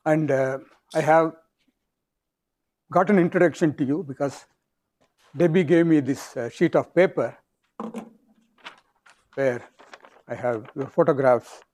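A man with a South Indian accent speaks as a university lecturer. His voice sits a little high for a man, and he delivers the material in halting phrases, pausing as he goes. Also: darkish tone. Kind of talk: academic lecture.

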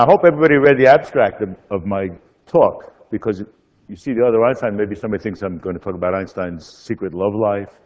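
An older male professor with a low, darkish voice gives a loosely scripted public lecture as a guest lecturer at a public event. The recording is slightly dull and muffled.

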